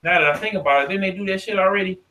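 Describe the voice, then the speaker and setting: High, rapid-fire and pushed, his bright voice carries a little hiss or hum. He's an American podcast host going on a slangy, profane, opinionated rant. The room is untreated and echoey.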